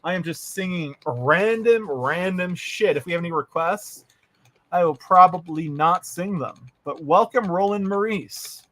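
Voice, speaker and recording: A man's voice: a little high, unhurried, fairly bright tone. A man from Quebec hosting a live stream, chatting crudely and joking with viewers and a guest. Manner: crude, joking, bilingual banter. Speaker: stream host. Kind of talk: casual live-stream chat.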